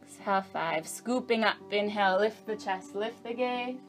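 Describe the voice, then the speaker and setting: A yoga instructor with a medium-pitched voice speaks at a normal speed, leading a class with encouraging, easygoing step-by-step cues. She counts breaths over the movements while plucked guitar music plays behind her.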